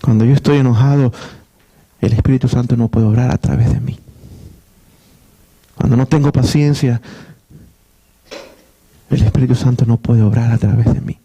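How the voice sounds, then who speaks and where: A man's voice: mid-range voice, steady tone, normal speed, long pauses, mellow, breathy edge. A middle-aged man preaching a sermon as pastor, earnest, often repeating and restarting words.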